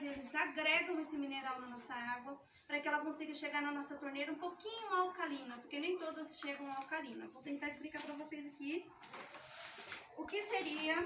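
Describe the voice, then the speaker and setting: A woman leads a youth ministry talk, walking her listeners through a hands-on demonstration in an explanatory, slightly nervous way. Her high, bright voice is picked up from a distance, with echo from the hall and a faint hum of the room behind her. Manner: explanatory, talks the audience through each step. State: shaky with nerves. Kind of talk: teaching talk with a live demonstration. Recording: echoey room mic from far off.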